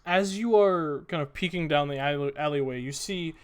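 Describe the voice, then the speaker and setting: A man working as game master, improvising descriptive narration in a halting, casual way. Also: fairly high pitch, clear, resonant tone.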